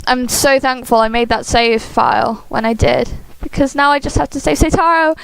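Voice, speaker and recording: A woman hosting a game playthrough, reading a visual novel aloud expressively with casual asides, animated and giggly. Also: high-pitched, normal speed, vocal fry, clean tone, no room sound, rough recording. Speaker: host of a game playthrough series.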